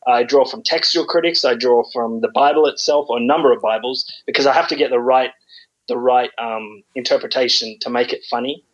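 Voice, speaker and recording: A man's voice: medium pitch, a little fast, muffled recording. A man talking casually on a podcast, sarcastic and rambling, with frequent ums. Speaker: podcast guest.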